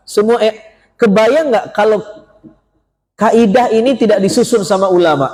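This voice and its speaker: A male preacher giving a casual, joking mosque sermon and often questioning his audience. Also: very high voice. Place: mosque hall. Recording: long reverb of a mosque hall.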